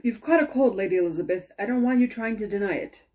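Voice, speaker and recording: A woman voicing a concerned, suspicious knight in a storybook tale, speaking formally with gentle, insistent scolding. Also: medium pitch, fast talker, natural voice.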